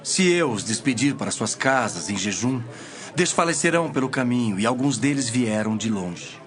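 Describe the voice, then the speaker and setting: A man playing Jesus as a grave, deliberate teacher in a dramatized audio Bible. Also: medium pitch, lively intonation, close to an everyday voice. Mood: compassionate, solemn. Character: Jesus, solemn adult male teacher, grave and reproving. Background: music.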